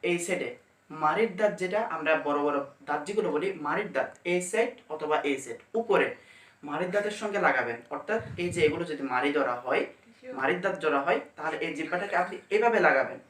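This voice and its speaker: A man's voice: fairly high pitch, lively intonation, a bit bright, far from the mic. Man teaching letter sounds in an echoey room. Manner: instructive, drawing out each letter slowly with demonstrations. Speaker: Quran teacher. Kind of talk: step-by-step pronunciation lesson. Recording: echoey room, mic set back.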